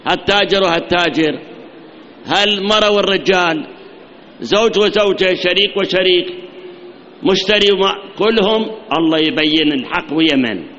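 A man's voice: sits high, normal speed, pushed and bright, big-room sound, slight background noise. A man with an Iraqi Arabic accent preaching a sermon in a teacherly way, putting rhetorical questions to the audience. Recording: dull lo-fi recording.

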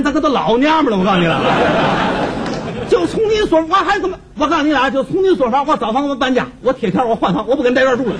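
A man's voice: very high-pitched, background noise, voice pushed up. A man doing a ranting, touchy old angler. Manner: indignant ranting, shouting. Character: cranky old male angler, boastful and touchy.

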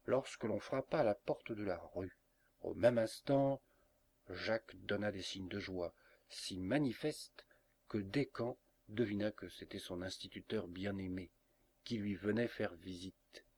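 Audiobook narrator: man, lower voice, steady expressive storytelling. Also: a little slow, husky. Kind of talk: scripted narration.

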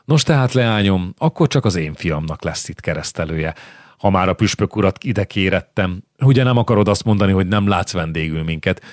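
A man voicing a sinister, mock-courteous blind prince in an audiobook, low and sly. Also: expressive, no room sound, clean studio sound. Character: sinister blind male prince, smooth and menacing. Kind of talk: audiobook character reading.

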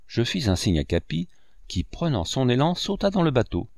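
A man narrating a classic novel in a measured storytelling manner. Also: mid-range voice, very animated, gravelly, darkish tone, no echo, clean studio sound. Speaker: audiobook narrator.

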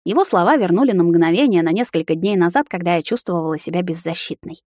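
Low-voiced woman narrating an audiobook. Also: fast, a little mellow, no room sound, clean studio sound. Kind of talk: first-person fantasy audiobook narration.

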